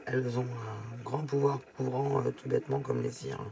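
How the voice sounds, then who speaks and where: A woman's voice: very deep voice, sing-song, normal speed, gravelly, dark tone. A woman giving a chatty, casual step-by-step craft demonstration, explaining as she works. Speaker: craft tutorial host.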